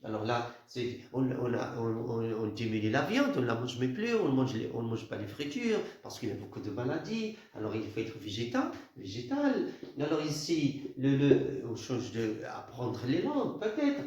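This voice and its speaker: A man's voice: mid-range voice, big pitch swings, darkish tone. Man teaching a poem, very echoey. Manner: halting, repeats words, stresses key phrases. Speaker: literature teacher. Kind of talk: explaining a poem in class. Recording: very echoey room.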